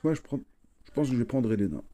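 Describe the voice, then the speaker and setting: A man with a mellow, relaxed tone at a middle pitch. He talks like a gamer among friends, in informal slang, often repeating his phrases as he plays. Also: quick pace. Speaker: gaming video host, player. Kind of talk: casual chat while playing a strategy game.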